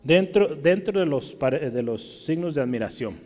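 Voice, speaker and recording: A man's voice: animated, normal speed, darkish tone. A man preaching a sermon in a church, often asking the congregation questions and adding "¿verdad?", his voice rising when he reads Scripture aloud. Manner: rises in pitch and volume when reading Scripture aloud. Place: church hall. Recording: long hall reverb.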